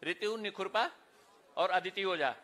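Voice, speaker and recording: Man, high voice, bright tone, steady roll-call of names, ceremony announcer. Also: a little slow, some chatter behind. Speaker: event announcer. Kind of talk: reading out names at an award ceremony.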